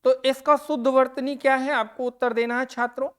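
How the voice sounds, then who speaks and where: A woman teacher giving an exam-prep grammar lesson. She talks slowly and deliberately, repeating and stressing each answer word for her students. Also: high-pitched, little pitch movement, clean tone.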